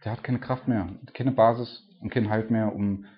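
A man's voice: on the low side, steady tone. Chatty male preacher, lo-fi sound. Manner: chatty, keeps adding "ne?"; reads scripture aloud louder and slower. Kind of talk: informal sermon. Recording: dull lo-fi sound.

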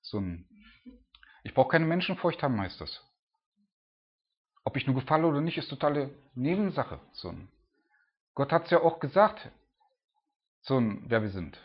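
A man's voice: mid-range voice, big pitch swings, moderate pace, long pauses, husky, dull audio. A man preaching in a loose, chatty way, full of filler words. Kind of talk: casual preaching.

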